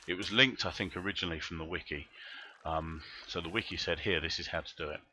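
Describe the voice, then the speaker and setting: A man's voice: deep voice, quick pace, bright, forceful tone, a little hiss or hum. A man giving live commentary while he plays a game, rambling and thinking aloud as he builds. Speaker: game streamer.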